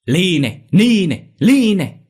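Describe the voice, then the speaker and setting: A man's voice: high voice, very animated, normal speed, darkish tone, husky, voice pushed up, heavily acted. A man voicing a frail old woman who wails and begs for mercy in a storybook tale. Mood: wailing. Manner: wailing.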